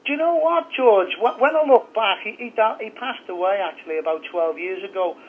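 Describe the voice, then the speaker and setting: A man's voice: high-pitched, a little fast. Man on a tinny phone line. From north of England. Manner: candid, chatty storytelling. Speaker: guest. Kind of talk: casual interview by phone.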